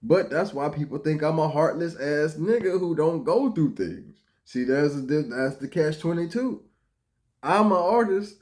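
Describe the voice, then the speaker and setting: A man doing reaction commentary on clips, talking casually with profanity and swinging between low mutters and loud outbursts. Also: expressive, a little slow.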